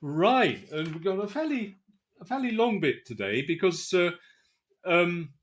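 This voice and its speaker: A man co-hosting a podcast in casual chat, talking haltingly with many fillers and restarts. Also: sits high, big pitch swings. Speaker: podcast co-host.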